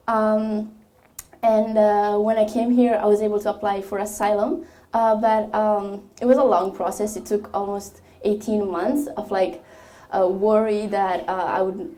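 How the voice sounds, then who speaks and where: Hesitant young woman from Ethiopia, mellow. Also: medium pitch. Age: young adult. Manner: hesitant, many fillers and restarts. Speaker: student speaker. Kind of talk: personal testimony talk. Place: college event room.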